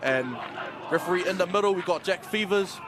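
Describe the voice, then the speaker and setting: A man with a broad New Zealand accent giving animated live sports commentary as the lead caller. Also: sits high, fairly quick. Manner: animated announcer delivery. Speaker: lead rugby league commentator. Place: outdoor sports ground. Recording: noisy outdoor ground, loud crowd. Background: loud crowd and outdoor noise.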